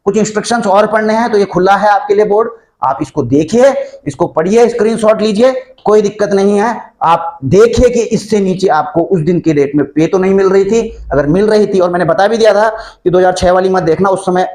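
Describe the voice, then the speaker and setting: Guy with a pretty high voice, chatty explainer, talking straight to his viewers like friends. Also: a little fast, a little mellow. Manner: chatty, addresses viewers as friends, frequent fillers and restarts. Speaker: YouTube channel host explaining army pension rules.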